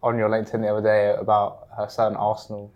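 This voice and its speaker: A man with a low voice asks questions in a laid-back way. His pitch stays flat and even, and his tone is conversational. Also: quick pace, muffled recording. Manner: relaxed, brief affirmations. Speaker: interviewer. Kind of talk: casual interview questions.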